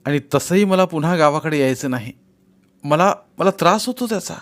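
A man's voice: a little high, expressive, a little fast, voice pushed up, natural voice. A man voicing a wary, educated younger man who answers his friend's offers with surprise and doubt in a read-aloud novel. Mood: wary, doubtful.

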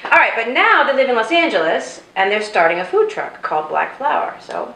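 A woman's voice: on the high side, big pitch swings, brisk, fairly bright tone, roomy sound, rough recording. A woman hosting a casual chat, leading the conversation and filling in her guests' story. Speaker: host.

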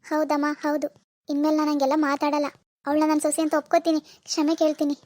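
A woman's voice: high-pitched, completely flat delivery, quick pace, a little mellow, natural voice. A woman playing a remorseful middle-aged mother-in-law who earnestly begs her daughter-in-law's forgiveness in a homemade family drama skit. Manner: earnest, pleading, apologetic.

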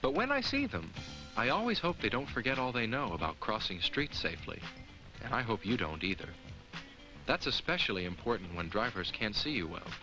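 A male actor with a mid-range voice plays a friendly, earnest talking jack-o'-lantern, gently teaching children in the scripted manner of a 1980s educational film. The performance is lightly acted, and the recording is rough.

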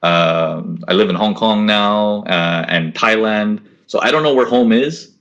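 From a small room at home, a young man who grew up in Korea and the US leads a live forex trading webinar, casually coaching viewers through chat questions and repeating his words often. His voice is on the low side, unhurried and a bit bright. The lo-fi sound comes from a laptop webcam mic on a video call.

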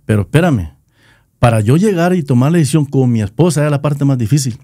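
A middle-aged man with a Nayarit Mexican Spanish accent recalls how he founded his band, talking in a loose, slangy way. He repeats and restarts words as he goes. His voice is mellow and warm, and the recording is dry and close. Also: medium pitch, quick pace, no room sound. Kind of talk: casual storytelling interview.

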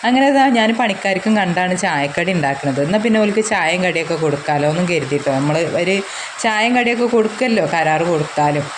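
Fast-talking low-voiced woman with a cold. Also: expressive, background noise. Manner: chatty, warm address to viewers as friends, frequent tag words. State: has a cold and sore throat. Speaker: vlogger, mother. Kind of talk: casual home cooking vlog narration. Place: home kitchen. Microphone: handheld phone.

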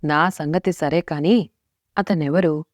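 A woman's voice: low voice, steady tone, slow pace, no room sound, clean studio sound. A woman voicing a teasing, possessive young man in a story, speaking in a mocking, curt way.

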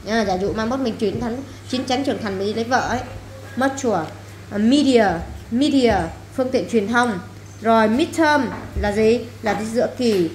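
A woman teacher drills English vocabulary with her class. Her voice sits a little high, and she repeats each word before explaining it plainly. The recording rings with room echo over a faint background hiss. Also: moderate pace, a little mellow.

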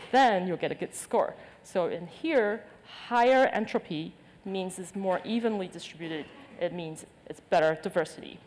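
Woman keynote speaker, lowish voice, hesitant delivery with fillers, reverberant hall. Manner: hesitant, many fillers and restarts. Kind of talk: conference presentation. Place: large conference stage with audience.

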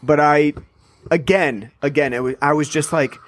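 With a voice on the high side and fairly level intonation, a man co-hosts a podcast in a dry recording. He rambles sarcastically through a casual film discussion, heavy on fillers and quick mocking impressions.

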